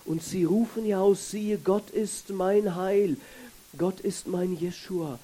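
A man's voice: sits high, slow, dark tone, poor audio. A man preaching a sermon in an earnest way, putting questions to his listeners.

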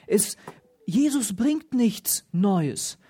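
A woman delivers a sermon at an unhurried, deliberate pace, reading scripture and commenting on it. Her voice is warm and mellow, and it swells with emphasis on each invocation. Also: mid-range voice, very animated, husky. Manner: slow, emphatic, rising loudly on invocations. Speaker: preacher.

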